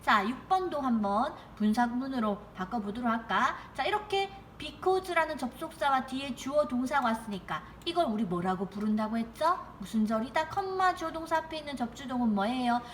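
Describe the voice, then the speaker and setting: A young woman teaches an English grammar lesson in a fairly high voice. She keeps asking her viewers questions and reads each example sentence slowly, with a faint hiss behind her. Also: expressive. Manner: coaxing, asks students rhetorical questions. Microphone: computer mic while writing with a mouse.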